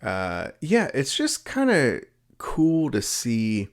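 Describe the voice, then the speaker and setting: A man's voice: medium pitch, slow. A man hosting his own home video review channel, talking casually with lots of fillers and restarts. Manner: rambling, many fillers and restarts; upbeat, excitable opening.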